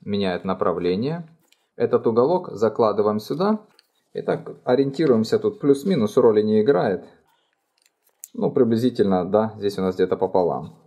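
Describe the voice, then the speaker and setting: A middle-aged man with a fairly low voice talks through an origami tutorial step by step. His delivery is calm and plain, explaining each fold as he works at an indoor table. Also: moderate pace. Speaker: origami instructor. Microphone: overhead camera framing hands only.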